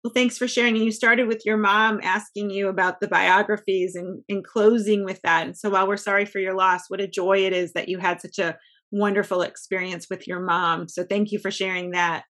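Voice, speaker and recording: A woman's voice: medium pitch, fairly even intonation, a little fast, fairly bright tone. A woman co-hosting a podcast, thanking her guest and asking a question in an encouraging, affirming way. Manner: encouraging and affirming, with small restarts. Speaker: podcast co-host. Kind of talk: interview hosting.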